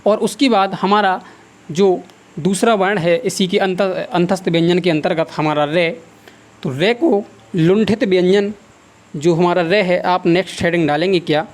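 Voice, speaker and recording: A man teaching a class, who keeps asking questions and answering them himself, repeats key terms and dictates notes slowly. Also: sits high. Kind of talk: classroom lecture.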